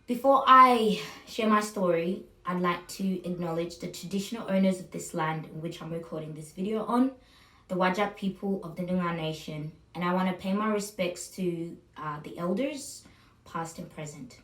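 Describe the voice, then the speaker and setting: A young woman in her twenties with a fairly low voice tells her own story. She speaks reflectively, with pauses, fillers and restarts. She is recorded a little way off from the mic in a roomy, echoey space. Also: bright, forceful tone. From Burundi. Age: 20s. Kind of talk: personal testimonial talk. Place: room where she records her video. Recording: roomy, slightly distant mic.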